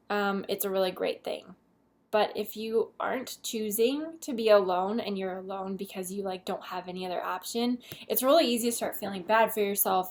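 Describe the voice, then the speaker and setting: A chatty woman in her twenties giving candid advice in a casual vlog. She talks at an easy, mid-range pitch and now and then drops to a whisper for an aside. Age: 20s. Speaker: vlogger.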